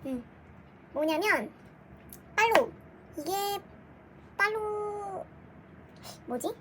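Gushing high-voiced young woman. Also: extremely slow, noisy background. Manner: gushing, excitable, gasps and squeals. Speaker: vlogger. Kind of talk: casual unboxing chat. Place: home room, dim lighting.

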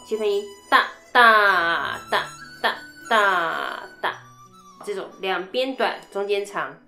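A woman teaching flute technique in a chatty way, breaking down each passage and singing rhythm syllables, with a Taiwanese Mandarin accent. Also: medium pitch. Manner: chatty, explains step by step with sung rhythm syllables. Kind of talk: instrument technique lesson. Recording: echoey room, faint music.

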